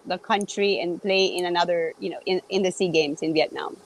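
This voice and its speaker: A woman co-hosting a sports talk show, asking lively questions and slipping Tagalog words into English. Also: on the low side, fairly quick, poor audio. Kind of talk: hosting an interview.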